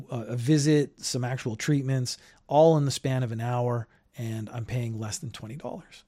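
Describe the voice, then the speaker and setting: An older Canadian man rambles through opinionated, casual solo commentary on his own podcast, recorded at home in Japan. His medium-pitched voice is a little mellow and slightly rough.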